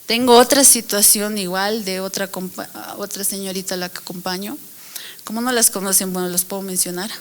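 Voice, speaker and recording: A young adult woman giving a personal testimony at church, telling her story in a lively way and acting out what people said. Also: medium pitch, brisk. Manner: lively storytelling with laughs and acted-out quotes. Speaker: church speaker and mentor.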